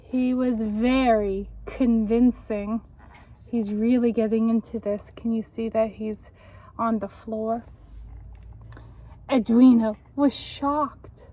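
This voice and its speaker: Reading a picture book to kids, a woman with a slightly high voice sounds expressive and encouraging, pausing like a teacher to ask her listeners questions.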